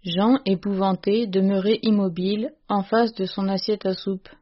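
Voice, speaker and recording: A woman's voice: mid-range voice, steady tone, moderate pace, slightly rough. Woman reading a story, dull sound. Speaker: narrator. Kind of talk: scripted narration of a classic story. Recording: dull, lo-fi recording.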